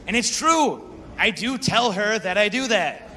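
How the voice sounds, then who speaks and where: A man's voice: high-pitched, expressive, a little slow, pushed and bright. A young man performing a stand-up comedy set, telling stories in a conversational way and talking with the crowd. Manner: conversational storytelling with crowd work.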